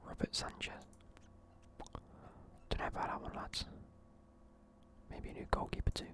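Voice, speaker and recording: A man's voice: normal speed, a bit bright. Sleepy whispering young man. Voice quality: whispering throughout. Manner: casual, sleepy, swears offhand. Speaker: video creator. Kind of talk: whispered football team review.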